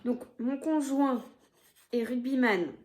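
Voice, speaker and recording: A woman casually chatting on her knitting podcast, showing her projects with a hesitant, filler-heavy way of talking and the odd soft aside. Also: sits high, takes it slowly.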